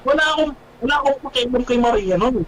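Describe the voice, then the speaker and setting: Animated high-voiced man giving testimony. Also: fast talker, a crowd in the background, rough recording. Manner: animated, keeps calling the host "bro", repeats himself. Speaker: guest telling his conversion story.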